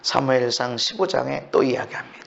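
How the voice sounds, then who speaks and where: A man's voice: medium pitch, flat delivery, brisk, creaky, a bit bright. A male pastor preaching a sermon emphatically, with many rhetorical questions, heard on a slightly dull, lo-fi recording.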